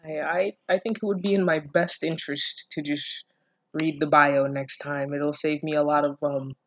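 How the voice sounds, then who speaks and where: Here a woman with a low, fairly bright voice and fairly even intonation works through fan fiction at a moderate pace, commenting in a sweary, sardonic, exasperated and comedic way. She keeps stumbling, stammering and laughing, and there is no echo.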